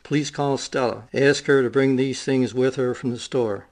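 A man reads a short passage aloud, slowly and with care. His delivery is plain and even. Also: medium pitch. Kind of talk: reading a test passage aloud.

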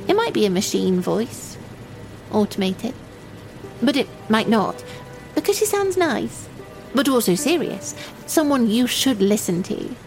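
Timid young runaway: high voice, naive, confiding, wistful audio drama monologue, music underneath. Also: female voice, rough recording. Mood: curious, wistful. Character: lonely, timid young runaway waiting for a train, childlike and wistful.

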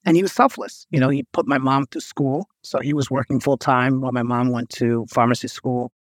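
A man's voice: medium pitch, fairly even intonation, brisk, dry recording, clean studio sound. A middle-aged man from New York, a guest on an interview, telling his story in an earnest, reflective way. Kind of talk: interview conversation.

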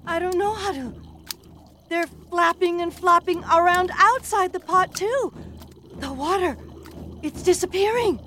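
A gentle, brave mother in a children's audio story, speaking softly and steadily, as a woman acts her out. Her voice sits very high and carries a long reverb behind it. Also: measured pace, long pauses, slight background noise, exaggerated voice. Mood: calm. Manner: soft, steady and reassuring. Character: brave, calm mother of a young boy.

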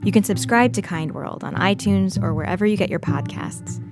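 A woman hosting a podcast, reading scripted narration in a measured, gentle storytelling voice. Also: mid-range voice. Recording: narration over clear music.

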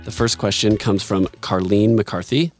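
A man's voice: on the low side, steady tone, normal speed, music in the background. A man co-hosting, reading a listener's question aloud for a next-episode teaser.

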